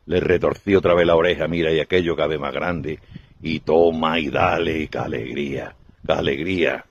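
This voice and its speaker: A man voicing a middle-aged wife who gushes in a low, hushed voice. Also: steady tone, moderate pace, muffled recording, slight background noise. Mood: gushing. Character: delighted middle-aged woman, gossipy wife.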